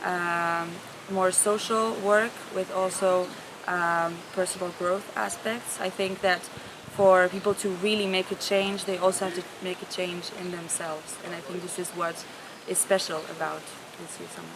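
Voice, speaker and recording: A woman's voice: lowish voice, level tone, unhurried, few pauses, background noise. A woman in her twenties from Spain, answering interview questions earnestly as a summit participant. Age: 20s.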